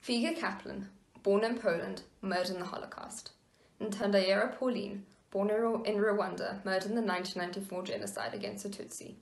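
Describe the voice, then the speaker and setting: A young woman from South Africa solemnly reading a list of names at a memorial, in a careful, measured recitation. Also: medium pitch, lively intonation, vocal fry. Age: young adult. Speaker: memorial reader. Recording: echoey room.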